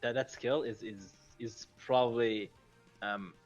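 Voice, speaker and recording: A man co-hosting a casual gaming podcast, talking hesitantly with lots of pauses and restarts. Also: medium pitch, fairly even intonation, lo-fi sound. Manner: hesitant, many fillers and restarts, laughs easily. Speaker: podcast co-host. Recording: faint music bed behind.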